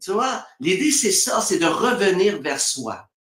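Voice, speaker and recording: Appearing as a spiritual guest on a live stream, a man from Quebec chats casually in a Québécois French accent, laughing often and acting out the voices he quotes. His voice is high-pitched, very animated and fairly bright, at a measured pace, in a roomy-sounding space.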